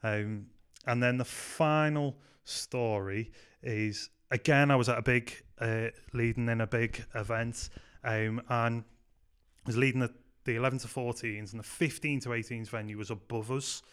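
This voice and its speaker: With a smooth, mid-range voice at normal speed, this Liverpool man tells stories in a relaxed podcast interview. He's a youth pastor with a Scouse accent, chatty and animated, filling his anecdotes with frequent "um"s.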